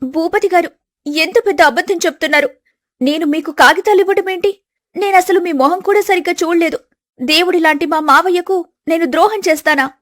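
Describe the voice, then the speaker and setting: A woman's voice: very high voice, brisk, pitched above the performer's own voice. A woman doing a pleading young daughter-in-law. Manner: pleading, earnest.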